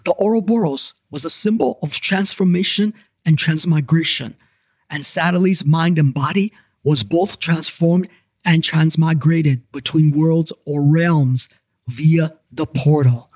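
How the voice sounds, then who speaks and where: A man's voice: a little high, a little slow, a little mellow, no echo. Wry man narrating in the first person. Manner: wry, joking.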